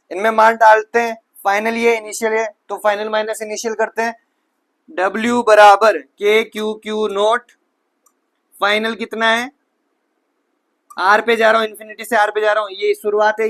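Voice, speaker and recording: A man's voice: high voice, fairly bright tone. A man teaching physics, talking students through each step with rhetorical questions, sometimes correcting himself mid-sentence. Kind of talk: whiteboard physics lecture.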